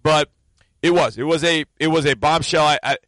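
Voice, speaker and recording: A man's voice: on the high side, fairly even intonation, moderate pace, a bit bright, no room sound, poor audio. A man co-hosting a casual sports chat, rambling and self-assured as he talks about his picks. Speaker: co-host and draft analyst.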